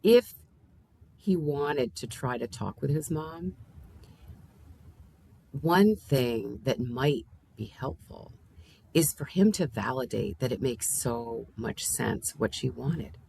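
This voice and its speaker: Calm, husky-voiced woman therapist. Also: extremely low pitch, slow pace. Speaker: therapist, podcast guest. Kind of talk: reflective therapy discussion.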